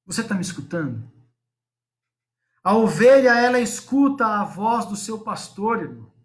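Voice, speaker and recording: Male pastor, high voice, live-streamed sermon, talks straight to the viewers. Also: sing-song, normal speed. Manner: preaching, addresses viewers and congregation directly.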